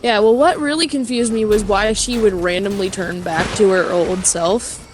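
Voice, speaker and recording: A woman's voice: mid-range voice, fairly even intonation, moderate pace. A woman chatting casually while gaming, enthusiastic and trailing off mid-thought. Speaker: gamer chatting while playing. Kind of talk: casual chat. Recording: game music behind.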